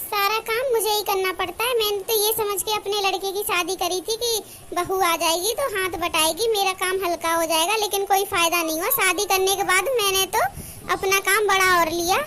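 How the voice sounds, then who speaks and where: A high, piping cartoon mother-in-law, played by a voice actor who scolds and grumbles without letup. She is middle-aged and sharp-tongued. Music plays clearly behind her. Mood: grumbling. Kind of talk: animated cartoon voice acting. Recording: music playing under the voice. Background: background music.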